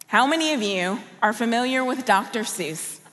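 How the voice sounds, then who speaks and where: A woman's voice: a little high, animated, normal speed, a bit bright. Woman preaching in an echoey hall. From Colombia. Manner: personal, conversational preaching with audience questions. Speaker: guest speaker at church. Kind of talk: sermon. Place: large church auditorium.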